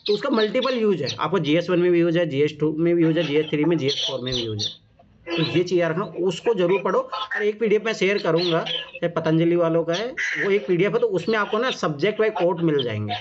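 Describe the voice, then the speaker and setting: Male coach, high-ish voice, repeats advice patiently; lo-fi recording with noise. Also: a little fast. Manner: repeats reminders, casual and encouraging. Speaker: exam coach reviewing answer copies. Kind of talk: informal coaching talk. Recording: muffled lo-fi sound with clear background noise.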